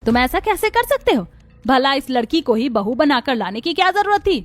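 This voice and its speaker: A woman's voice: sits high, very animated, normal speed, no room sound, clean studio sound, faint music behind. A woman voicing a stern, bossy mother-in-law in a cartoon story, scolding and commanding. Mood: angry.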